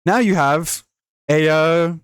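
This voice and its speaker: A man's voice: fairly high pitch, slow pace, slight background noise. A young man giving casual, jokey, rambling commentary while playing a video game. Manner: rambling, jokey, laughs often. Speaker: gaming YouTuber.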